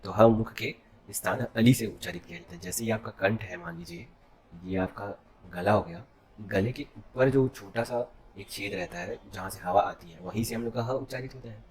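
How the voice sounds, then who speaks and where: A man with a fairly low voice teaches an exam-prep class. He keeps firing questions at his students and answering them himself. He checks after every point that they are following. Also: moderate pace, darkish tone, slightly rough. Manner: drills with self-answered questions and constant "okay?" checks.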